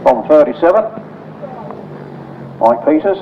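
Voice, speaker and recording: A man's voice: a little high, expressive, a little slow, gravelly, reverberant. A man giving live motorsport commentary and results, with colloquial, wry asides, over a trackside announcing system. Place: outdoor grasstrack circuit, commentary over speakers. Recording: muffled, noisy trackside PA from far off. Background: loud engine and vehicle noise.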